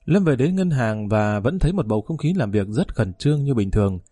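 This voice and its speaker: A man narrating an audiobook in a steady, even way. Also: medium pitch, fairly quick, no echo, studio quality.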